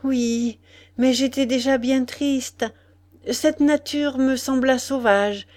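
A woman reader puts on a young noblewoman full of new life, her voice rising high and carrying. She exclaims in delight, lingering over each phrase in an audiobook reading. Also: fairly even intonation, takes it slowly, a little mellow. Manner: rapturous exclamations. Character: young noblewoman, lively, enchanted, newly healthy.

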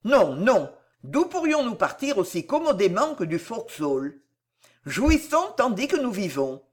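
A woman reading an audiobook, voicing a troubled, impatient husband in a slightly lowered, curt, commanding voice. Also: sing-song, measured pace, husky. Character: brusque troubled married man, impatient.

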